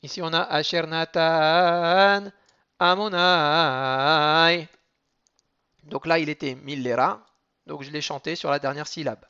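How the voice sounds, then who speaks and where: A man's voice: a little high, fairly even intonation, gravelly, pushed and bright, muffled recording. Man teaching cantillation, chanting examples. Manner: explains rules step by step, then chants Hebrew examples slowly. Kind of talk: explanatory lesson with chanted examples.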